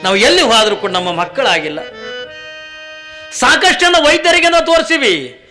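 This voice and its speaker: A woman's voice: high voice, very animated, moderate pace, pushed and bright, faint music behind, exaggerated voice. A man voicing a poor, childless village wife who pleads and grieves in a tearful voice. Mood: pleading. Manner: tearful pleading, repeating her plea.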